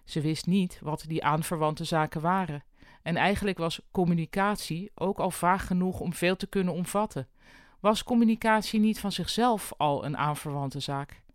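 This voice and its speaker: A narrator reading aloud with an even, wry delivery in a close, dry recording with no room sound. The pitch sits in the middle, neither high nor low. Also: normal speed, clear, resonant tone, no room sound. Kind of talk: audiobook narration.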